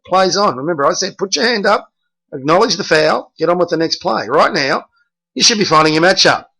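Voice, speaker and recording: A man's voice: fairly high pitch, very noisy. A middle-aged man, a basketball coach reviewing game film and bluntly correcting his players by name.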